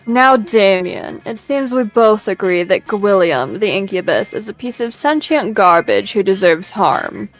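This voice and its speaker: A woman playing a cold, scheming snake lady from a game, laying out her plans in a slow, formal voice that rises and falls widely. She sounds calculating and in no hurry at all. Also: medium pitch, lively intonation, faint music behind, low-quality recording.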